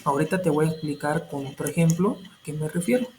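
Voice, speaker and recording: A man's voice: fairly high pitch, quick pace, darkish tone, a little hiss or hum, low-quality recording. A male teacher explaining a grammar lesson step by step, patiently repeating points and checking in with short tag questions. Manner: patient, repetitive explanations with filler tags and self-corrections.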